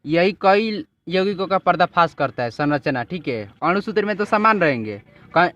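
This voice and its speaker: Casting: male chemistry teacher, slightly high voice, drawn-out explanations, dull lo-fi recording. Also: expressive, fairly bright tone. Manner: drawn-out explanatory, repeats and checks "ठीक है". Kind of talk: classroom lesson with a student.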